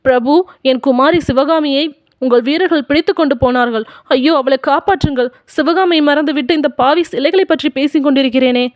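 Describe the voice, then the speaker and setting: A woman's voice: sits high, normal speed, no echo, clean studio sound, close to an everyday voice. A woman voicing an anguished old male sculptor in an audiobook, pleading and crying out for his daughter.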